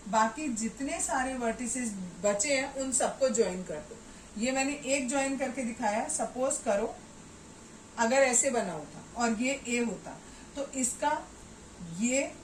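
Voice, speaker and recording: A fairly high-voiced woman teaches maths at an unhurried pace. She explains patiently, one step at a time, and keeps checking that the class is following. The room sounds echoey and she is some distance from the mic. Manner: patient, explains step by step, often asks "ठीक है" to check understanding. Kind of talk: classroom maths lesson at a board. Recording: roomy echo, voice away from the mic, faint background noise.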